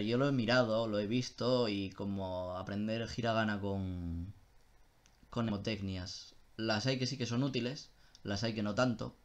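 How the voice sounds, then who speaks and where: A young man with a voice on the low side chats casually on a live stream, answering viewer questions. His style is loose, with swearing and frequent self-interruptions.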